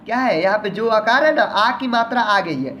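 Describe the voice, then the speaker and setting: A man's voice: high-pitched, lively intonation, normal speed, bright, forceful tone, dull audio, a little hiss or hum. A man teaching an online lesson in a patient manner, who repeats each word several times and often addresses the viewer as his friend.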